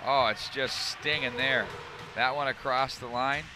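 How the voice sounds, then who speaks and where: Man, play-by-play announcer for a hockey game outdoors, noisy street sound behind, middle voice, quick punchy calls. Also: medium pitch, steady tone. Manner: rapid calls that rise sharply on scoring chances. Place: outdoor rink broadcast.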